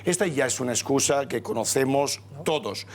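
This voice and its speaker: A man speaking as a panelist on a political TV talk show, measured and skeptical, cutting in to push back. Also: mid-range voice, animated. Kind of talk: TV debate. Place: TV studio.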